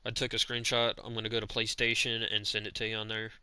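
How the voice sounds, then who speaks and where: A man's voice: lowish voice, monotone, fast talker, sharp tone, clean tone, dry recording. A man live-streaming a video game, chatting casually to a friend while he plays, joking and swearing often. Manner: profane, joking, thinks aloud. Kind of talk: casual gameplay chat. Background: game music.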